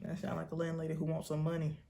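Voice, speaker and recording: A woman's voice: low-pitched, completely flat delivery, rapid-fire, vocal fry, mellow, a little hiss or hum. A woman with an American accent giving colloquial, casual reaction commentary as she talks back to the screen. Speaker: reaction show host.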